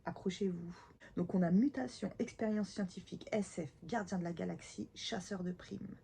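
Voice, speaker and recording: Gravelly-voiced woman chatting about books. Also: lowish voice, moderate pace, dark tone, slight background noise. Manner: chatty, enthusiastic, with frequent restarts and whispered asides. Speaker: book vlogger. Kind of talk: casual book haul chat. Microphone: camera mic.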